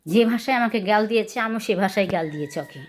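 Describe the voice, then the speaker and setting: This woman from Bangladesh speaks with a Rajshahi Bengali accent, her medium-pitched voice expressive and very fast, with a slight hiss or hum in the audio. In a casual vlog at home she tells viewers about a quarrel. Aggrieved and repetitive, she asks them again and again to judge whether she was wrong.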